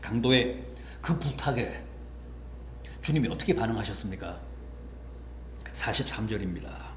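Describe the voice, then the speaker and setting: A male pastor preaching a sermon dramatically, swinging from hushed words to loud outbursts. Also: fairly low pitch, lively intonation, moderate pace, slight background noise. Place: church sanctuary. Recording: echoey church with faint ambience.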